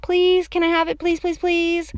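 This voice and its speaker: Children's storybook role: excitable, stubborn little girl played by a woman, high and emphatic, close dry recording. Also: a little fast, no echo, close to an everyday voice. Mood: pleading. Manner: emphatic, repetitive, childlike phrasing. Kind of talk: children's audiobook character voice.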